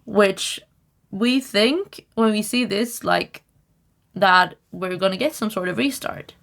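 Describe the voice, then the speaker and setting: A woman's voice: medium pitch, slow pace, creaky, fairly bright tone. A young woman co-hosting a casual podcast, chatty and wry, full of fillers and restarts. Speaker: podcast co-host. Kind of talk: casual chat.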